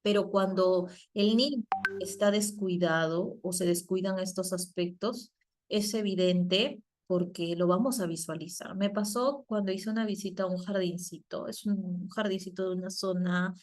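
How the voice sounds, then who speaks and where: A Peruvian psychologist giving a virtual class on a video call, often asking the class questions and using many fillers and tag questions. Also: female voice, medium pitch, fairly even intonation, normal speed, darkish tone. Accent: Peruvian Spanish. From Peru. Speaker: psychologist and teacher.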